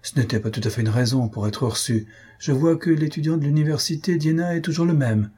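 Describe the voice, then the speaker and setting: A man's voice: medium pitch, normal speed, warm tone, slightly rough. A man reading aloud and voicing a witty young countess with a teasing, playful manner in a storybook. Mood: surprised teasing.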